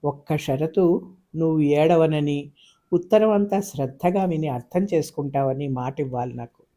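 A man voicing a calm, self-sacrificing young woman in a storybook reading, speaking gently and steadily. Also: fairly high pitch, normal speed, lightly acted. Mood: gentle steady.

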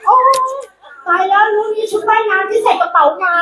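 A woman's voice: extremely high pitch, steady tone, brisk, shouting. A woman coach hosting a live stage event, emceeing in a playful, teasing way that often breaks into laughter and calls out to the room. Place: large event hall with an audience. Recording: echoey hall with crowd noise.

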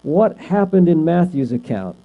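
A man's voice: on the high side, sing-song, unhurried. A man teaching a Bible class in a conversational way, often asking the class questions and checking in with "right?". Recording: lo-fi recording with mains hum.

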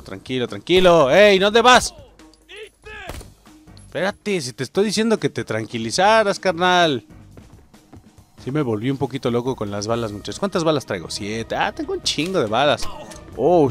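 A young man with a Mexican Spanish accent, commenting on his own gameplay with excitable, profane jokes aimed at his viewers. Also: mid-range voice, normal speed, pauses often, faint music behind. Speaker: gaming channel host.

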